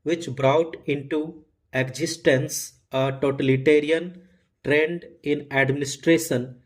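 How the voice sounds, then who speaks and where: A man reading formal text aloud as shorthand dictation, in short, deliberate phrases with regular breaks. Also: a little high, fairly even intonation. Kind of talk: dictating a legal passage at a measured 95 words per minute.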